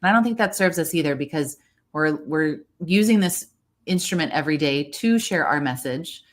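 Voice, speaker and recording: Speaking at a moderate pace, a woman with a deep, animated voice appears as a guest expert on a livestream. She coaches voices, chatting through encouraging explanations and advice.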